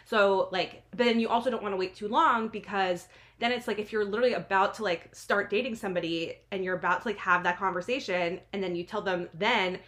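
Woman, late 20s, American accent, bright crisp-edged tone, casual podcast guest, wry, self-deprecating. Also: mid-range voice, brisk. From New Jersey, United States. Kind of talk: casual interview chat.

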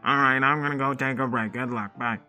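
A man's voice: medium pitch, fairly even intonation, a little fast, pushed and bright, soft background music. A man voicing a bossy old female pterodactyl announcer in a children's story, with a curt, dismissive manner. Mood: brisk, dismissive.

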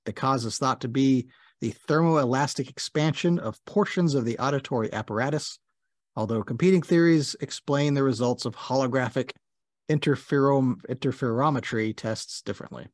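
A man's voice: medium pitch, normal speed, no room sound, studio quality. A man co-hosting a podcast who reads a definition aloud, then cracks a joke about it. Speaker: podcast co-host. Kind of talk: casual chat.

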